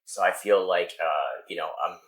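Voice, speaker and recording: Male chef, very low deep voice, dry teasing delivery, relaxed kitchen chat. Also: moderate pace, poor audio. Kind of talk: casual chat. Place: restaurant kitchen.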